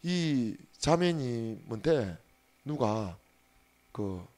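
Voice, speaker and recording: A male pastor preaching a sermon, speaking straight to his congregation, dropping to hushed asides and then rising to loud emphatic calls. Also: mid-range voice, very animated, extremely slow. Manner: speaks to the congregation directly and has them repeat after him.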